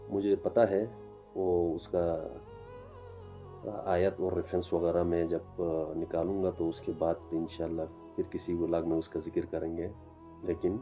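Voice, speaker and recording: A man giving an informal religious lecture for his online channel, speaking haltingly with many fillers and restarts. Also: deep voice, mellow, dull audio. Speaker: self-taught religious lecturer.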